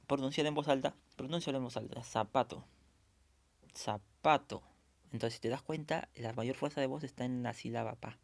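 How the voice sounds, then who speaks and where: Patient gravelly-voiced male teacher. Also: mid-range voice, no room sound. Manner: patient, repeats words slowly to model pronunciation. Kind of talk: online class lecture.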